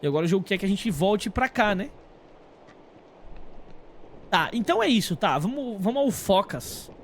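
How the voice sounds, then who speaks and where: Brazilian male streamer, high voice, highly varied intonation, slangy off-the-cuff gameplay chatter. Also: big pitch swings, normal speed, slight background noise. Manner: informal, slangy, thinking aloud. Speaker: game streamer talking to live chat. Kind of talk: casual gameplay commentary.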